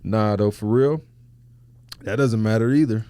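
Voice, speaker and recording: Low-voiced man hosting, dry close sound. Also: unhurried, mellow, clean tone, no echo. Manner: reflective, loose slangy talk. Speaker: podcast host. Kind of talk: casual conversation.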